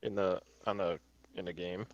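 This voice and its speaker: A man's voice: low voice, flat delivery, moderate pace, dry recording, lo-fi sound. A man in a gaming voice chat making dry, needling remarks at his friends.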